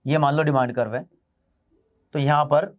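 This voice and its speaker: High-voiced man teaching economics. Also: fairly even intonation. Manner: addresses students as friends, repeats key terms slowly; mixes Hindi with English terms. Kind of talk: online class lecture.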